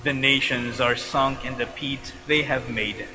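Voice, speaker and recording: A man's voice: medium pitch, steady tone, a little slow. Man reading psalms in a noisy, reverberant church. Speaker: lector at a church service. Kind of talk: liturgical psalm and verse reading. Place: large church during a service.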